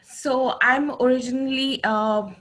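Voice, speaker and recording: A woman from India, a guest on a podcast, answering interview questions in a measured, composed way. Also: high voice, fairly even intonation, a bit bright, low-quality recording.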